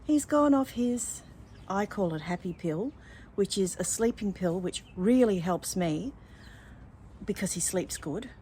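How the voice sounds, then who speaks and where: A woman's voice: mid-range voice, warm tone, slight background noise. An older woman with an Australian accent chatting casually and effusively to her vlog viewers. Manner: effusive, addresses listeners as darlings. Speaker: vlogger.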